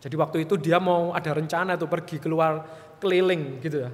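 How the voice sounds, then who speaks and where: A man's voice: a little high, fairly quick. A young man preaching a sermon, telling stories and speaking straight to the congregation. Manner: storytelling, animated, addresses congregation directly. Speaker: evangelist preacher. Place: church hall. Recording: long church hall reverb.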